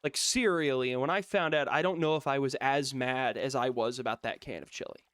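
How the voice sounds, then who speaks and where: A man streaming a video game and chatting casually, telling a rambling story where he gets worked up and then talks himself calm. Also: mid-range voice, a little fast, smooth, no echo. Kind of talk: casual chat while playing a video game.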